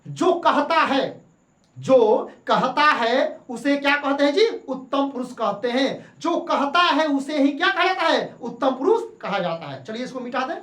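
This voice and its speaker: A woman's voice: sits high, lively intonation, measured pace, fairly bright tone. A woman teacher gives a lesson, repeating each point and asking questions that she answers herself. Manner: repeats points and asks rhetorical questions, then answers them. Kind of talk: classroom-style lesson. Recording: echoey room.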